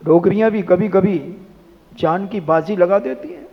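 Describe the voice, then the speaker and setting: Casting: high-pitched male monk preacher, animated and scolding, in an echoing hall with dull sound. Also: a little slow. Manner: animated, rhetorical scolding with mimicry. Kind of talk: sermon.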